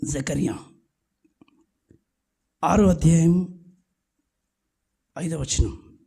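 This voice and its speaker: A man's voice: on the high side, drawn-out words, creaky, warm tone, slightly rough. A man preaching an emphatic sermon at a church night service, urging the congregation to call back answers aloud.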